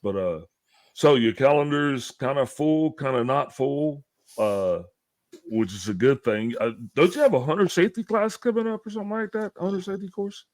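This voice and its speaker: A man's voice: fairly high pitch, moderate pace, a little mellow, dry recording. A man hosting a podcast, friendly and a little teasing with his guests. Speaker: podcast host.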